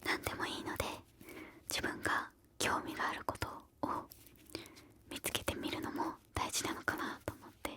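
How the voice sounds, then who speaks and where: A woman whispering softly and breathily close to the ear, gently answering questions in an encouraging ASMR style. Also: moderate pace. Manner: whispers throughout, soft and breathy; encouraging, gentle advice-giving.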